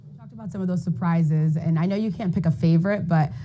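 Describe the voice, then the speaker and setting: A woman interviews for local news at a quick clip. Her voice is rather low and mellow, and her questions sound prepared but conversational. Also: a little hiss or hum.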